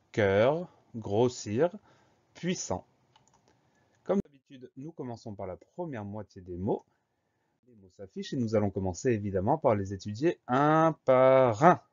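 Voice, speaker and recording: Man spelling out words slowly for pupils. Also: on the low side, a little mellow, lo-fi sound. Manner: slow, deliberate spelling out of letters. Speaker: teacher. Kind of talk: spelling lesson narration.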